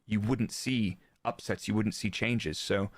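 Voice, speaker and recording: Here a man with a fairly low, fairly even voice speaks at a measured pace, free of any room sound. Once a Formula 1 performance engineer, he's now a guest expert on a live interview, casually explaining the technical side of motorsport and quoting remarks as illustrations.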